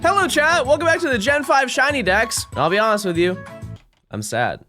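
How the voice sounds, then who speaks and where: A man livestreaming through a headset mic with a sore throat. He swings between hyped shouting and mock-sad mumbling. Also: extremely high pitch, expressive, brisk. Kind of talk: casual livestream chat. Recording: game music playing behind.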